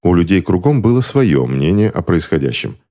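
A man narrating a story in an expressive, scripted reading. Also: sits low, moderate pace.

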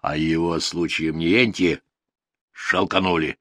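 A man's voice: deep voice, steady tone, unhurried, sharp tone, dry recording, studio quality, full character voice. A man voicing a sly, worldly-wise old peasant who lectures in folksy rural dialect. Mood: grumbling.

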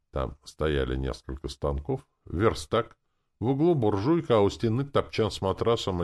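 A man giving calm first-person audiobook narration. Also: low-pitched.

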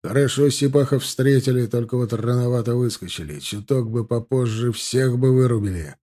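A man voicing a gruff cavalry officer who barks military commands. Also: mid-range voice, normal speed, dark tone, close to an everyday voice. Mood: approving.

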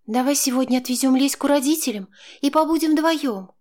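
A man voicing a nervous, quarrelsome young mother who pleads and shouts at her husband in an audiobook. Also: fairly quick. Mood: tender. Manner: pleading, then shrill and shouting.

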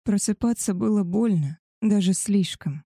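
A woman's voice: medium pitch, a little slow, dark tone, no room sound. A woman reading a novel aloud as first-person narration, close to the microphone. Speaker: audiobook narrator.

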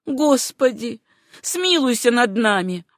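Picture a lady of the house in a dry audiobook reading, her voice pushed well above the reader's own and full of sharp exclamations. She is agitated and quick to give orders, as the reader puts her on. There is no room sound around her. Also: fairly high pitch, animated, no echo, voice pushed up, close to an everyday voice. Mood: despairing. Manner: exclaiming, then commanding.

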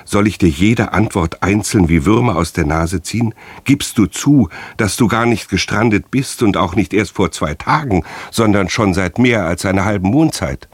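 A man's voice: lowish voice, expressive, normal speed, a little mellow, no room sound, voice pushed up. A man playing a harsh, cutting interrogator. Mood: furious. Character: stern male teacher interrogating harshly.

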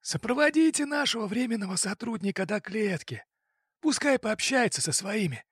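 A man doing a shrill, barking fat crime boss. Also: lively intonation, moderate pace, fairly bright tone, husky, dry recording, studio quality, heavily acted. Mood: scornful. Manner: mocking, barking. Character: fat older male crime boss, bullying and hot-tempered.

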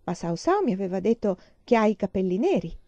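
A woman's voice: mid-range voice, big pitch swings, a little fast, mellow, no room sound, muffled recording. A woman voicing a small, polite and eager boy in a storybook reading, in an earnest, raised voice.

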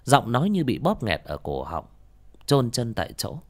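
A man narrating a horror audiobook in a dramatic, expressive way. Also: medium pitch, moderate pace.

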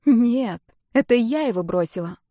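A woman voicing a soft-spoken young woman, gentle and hesitant, in a spoken story. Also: a little high, animated, moderate pace, no echo, studio quality, pitched above the performer's own voice, lightly acted.

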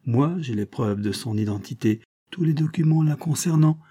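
Man reading as a brutish male showman, blustering, threatening, husky, storybook villain. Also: medium pitch, moderate pace, mellow, voice pushed up, natural voice.

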